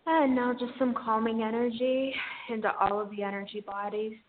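A woman's voice: a little high, fairly even intonation, normal speed. A woman guiding a spiritual energy healing session in a soothing, mystical healer's manner. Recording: tinny phone-like line with hiss.

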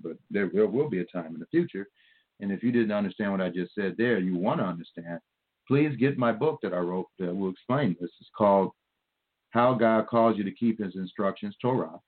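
Male preacher, deep-ish voice, earnest and repetitive delivery, tinny phone-quality recording. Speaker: radio preacher. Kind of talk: sermon.

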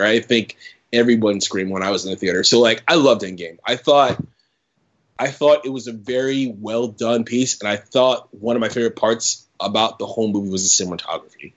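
A man's voice: lowish voice, a bit bright, lo-fi sound. A man talking as a guest on a casual podcast, enthusiastic and filling his speech with "like". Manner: enthusiastic, lots of "like" fillers. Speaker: podcast guest, entertainment reporter.

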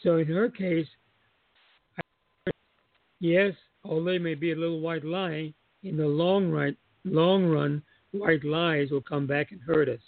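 A man calling in to share a personal testimony, reflective, chuckling now and then as he recalls, his voice going hoarse. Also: a little high, fairly even intonation, measured pace, dry recording. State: losing his voice. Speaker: caller. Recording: dry tinny phone line.

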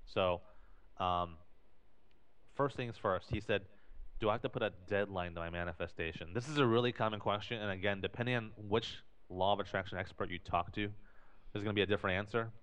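Fast-talking low-voiced man, lo-fi. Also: fairly bright tone, clear, resonant tone. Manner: explanatory, repeats and restarts phrases. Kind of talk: casual podcast talk. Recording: dull lo-fi recording.

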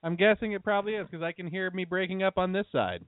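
A man's voice: sits high, fast talker, no room sound. A man co-hosting an internet radio show in blunt, profane banter, his voice breaking up over a glitchy call. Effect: voice breaking up over a glitchy, staticky Skype call. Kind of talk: casual banter. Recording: tinny, dry internet call line breaking up.

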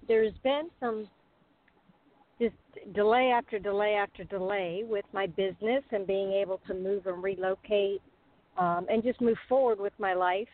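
A woman calling in to a show by phone, speaking conversationally in an earnest, searching, halting way. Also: medium pitch. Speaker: caller to a call-in show. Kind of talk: personal question to a spiritual adviser, conversational. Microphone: phone call. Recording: muffled, narrow phone-line sound.

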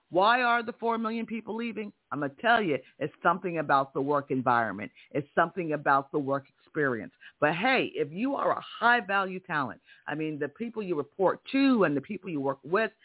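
A strong-voiced man hosts a career podcast, delivering an emphatic motivational monologue loaded with rhetorical questions. His voice is high and sing-song, his pace brisk. The audio sounds tinny, like a phone line.

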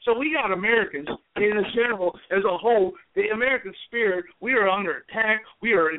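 A man's voice: sits high, fairly quick, no room sound. A man calling into a talk show, delivering a heated, profane political rant. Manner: profane, fired-up, repetitive. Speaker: call-in guest. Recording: tinny phone line.

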